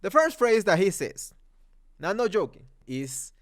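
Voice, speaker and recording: A man's voice: high voice, sing-song, normal speed, no echo, studio quality. A man from Mexico with a Mexican accent, hosting an exasperated comedic movie rant with laughter. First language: Spanish. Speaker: comedy commentary host.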